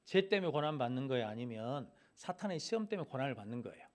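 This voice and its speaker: A middle-aged man preaches a midweek sermon at his church, pitched at an ordinary height for a man. He keeps asking the congregation questions and then answering them himself. He also acts out the lines of Bible characters in plain, everyday speech. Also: very animated, fast talker. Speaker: pastor. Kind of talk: Wednesday evening sermon.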